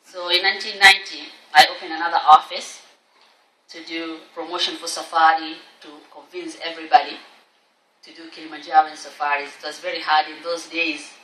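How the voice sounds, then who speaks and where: A woman's voice: low-pitched, little pitch movement, a little fast, crowd noise. A middle-aged woman with a Tanzanian accent giving a public speech, telling her personal story as a conference speaker. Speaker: conference speaker, tour company owner. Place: conference hall at a trade show. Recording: echoey room, distant, faint noise.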